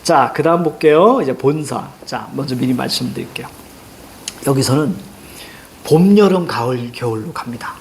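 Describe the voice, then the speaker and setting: A man's voice: mid-range voice, normal speed, a little mellow, slight background noise. A middle-aged man teaching a class on classical poetry, chatting with students and acting out anecdotes with a raised voice. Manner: chatty, tells stories and acts out quotes with a raised voice.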